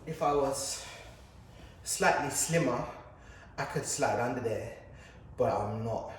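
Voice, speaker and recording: A man's voice: medium pitch, slow, slight background noise. A man doing casual, self-mocking narration as he services his car, talking himself through each step. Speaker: home mechanic. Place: garage or workshop. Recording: very echoey, distant from the mic, faint ambience.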